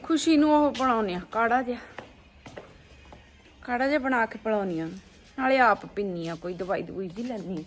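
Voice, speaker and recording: High-pitched, dramatic Punjabi woman vlogger. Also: moderate pace, long pauses. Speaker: family vlogger. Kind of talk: casual farm-chore chat.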